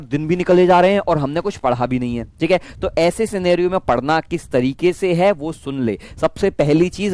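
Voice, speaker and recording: High-voiced man teaching online. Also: dry recording. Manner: chatty, mimics students in quick asides. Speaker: physics teacher. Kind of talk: online class pep talk.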